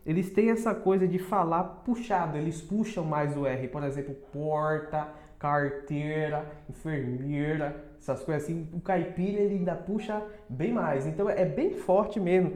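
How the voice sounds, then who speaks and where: A man's voice: sits high, darkish tone. Brazilian man teaching in an echoey room. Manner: explains with many tag questions, repeats words slowly to model them. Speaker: English teacher. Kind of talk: casual pronunciation lesson.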